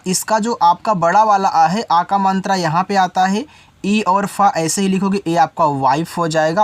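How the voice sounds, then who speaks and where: Here an English teacher with a medium-pitched voice, recorded without echo, goes through a spelling lesson step by step. Words are spelled out letter by letter and then explained to the learner in a relaxed, direct way.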